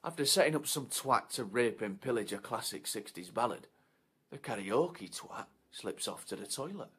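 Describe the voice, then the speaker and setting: An actor playing a foul-mouthed, menacing man obsessed with his disco night, swinging from hushed whispers to shouts. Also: mid-range voice, animated, moderate pace, husky, exaggerated voice. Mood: scornful. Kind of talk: short film monologue.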